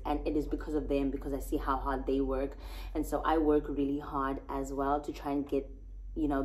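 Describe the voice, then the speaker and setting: A woman in her twenties vlogging casually to a phone camera in a hotel room, chatty and animated, with bursts of excitement. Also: sits low, poor audio. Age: 20s. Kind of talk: casual vlog chat to camera. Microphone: phone camera at arm's length.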